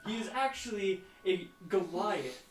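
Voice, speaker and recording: A man runs a tabletop game and narrates it, chatty and laughing often. He talks slowly and sits a little high in pitch. His voice echoes in a roomy space, some distance from the mic. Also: expressive, slight background noise. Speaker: game master.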